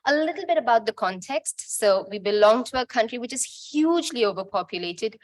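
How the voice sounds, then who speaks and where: A woman from Bangladesh gives a conference presentation in a relaxed, talkative way. She corrects herself as she goes and jokes with the audience, in a voice set a little high. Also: fairly quick. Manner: informal, chatty, self-correcting.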